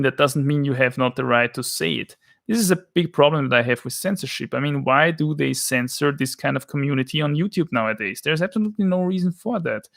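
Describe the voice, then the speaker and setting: On his livestream, an Austrian-accented man with a slightly high, gravelly voice rambles and cracks jokes. He reads out comments from the chat and responds to his viewers in a casual way.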